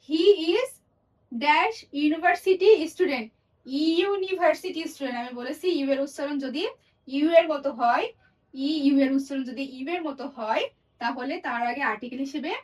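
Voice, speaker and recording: A woman's voice: sits high, far from the mic, rough recording. A woman teaching English grammar in a lesson, explaining step by step and repeating example words and sentences.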